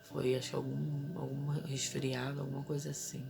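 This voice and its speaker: A woman's voice: very deep voice, little pitch movement, moderate pace, gravelly, music in the background. A woman in her thirties telling an emotional personal story as a mother, urgently reliving her own desperate cries for help.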